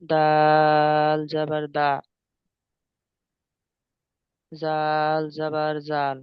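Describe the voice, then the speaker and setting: A male student reciting Arabic letters one by one in a drawn-out monotone. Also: on the high side, smooth, no echo, dull audio.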